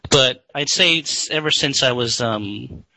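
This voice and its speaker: Halting, stammering man with a bright voice. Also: mid-range voice, slight background noise, low-quality recording. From San Francisco Bay Area, born in Taiwan. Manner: halting, repeats words and restarts often. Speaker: guest. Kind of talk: interview talk.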